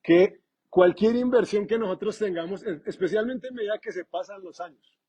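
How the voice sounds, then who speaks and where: A man preaching a sermon in an animated, conversational way with humor. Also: high-pitched, normal speed, husky, highs cut off. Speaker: pastor.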